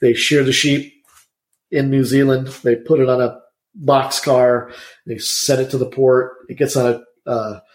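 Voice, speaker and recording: A man's voice: medium pitch, steady tone, echoey room. A man, an insulation contractor telling rambling stories as a guest in a casual interview. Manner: chatty, rambling, quick storyteller.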